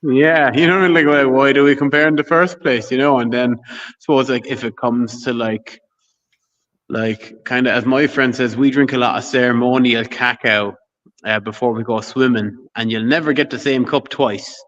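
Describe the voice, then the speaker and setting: A man's voice: medium pitch, steady tone, moderate pace, fairly bright tone, lo-fi sound. A man talking casually as a guest on a live stream, rambling and often asking "you know what I mean". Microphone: video call.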